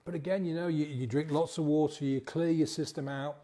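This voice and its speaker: A coach talks straight to his listeners, chatty and conversational. His voice sits a little high but sounds mellow and soft. He keeps tagging his points with a quick "yeah?". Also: fairly even intonation. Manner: conversational, acts out inner voices, frequent "yeah?" tags. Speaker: sobriety coach. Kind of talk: motivational talk to camera.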